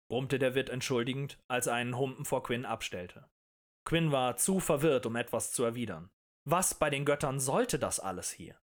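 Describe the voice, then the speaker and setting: A man reading a fantasy audiobook chapter as narrator, telling the story expressively. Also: medium pitch.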